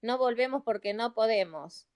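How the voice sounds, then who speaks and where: Earnest Argentine woman, smooth higher voice. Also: lively intonation, moderate pace, a little mellow. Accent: Argentine Spanish. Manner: earnest and pleading, repeats phrases for emphasis. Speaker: psychologist speaking as a caller in a live audio chat. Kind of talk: heartfelt appeal to listeners. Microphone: phone or computer mic in a live audio room.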